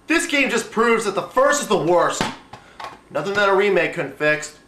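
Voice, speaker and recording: Male comedy review host, high-pitched, scripted delivery, reverberant room sound, off the mic. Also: sing-song, moderate pace, pushed and bright, soft background music. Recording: echoey room, distant microphone.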